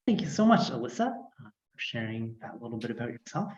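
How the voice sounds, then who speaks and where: A man's voice: medium pitch, big pitch swings, a little fast, darkish tone. A man hosting an art event and introducing the artists in a friendly way, with some fillers. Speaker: event host. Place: arts centre gathering. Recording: dull roomy sound.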